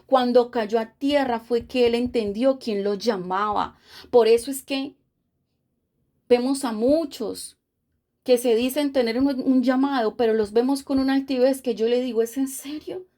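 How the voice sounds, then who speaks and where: Woman pastor, higher pitch, impassioned preaching cadence. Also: steady tone, unhurried, warm tone. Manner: impassioned preaching with repeated phrases. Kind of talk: sermon.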